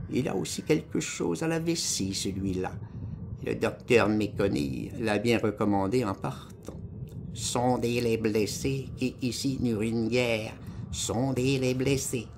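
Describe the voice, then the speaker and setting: A man's voice: mid-range voice, unhurried, creaky, background noise, voice pushed up. A man voicing a bossy middle-aged female head nurse who gives curt, commanding orders, in an audiobook reading. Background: music.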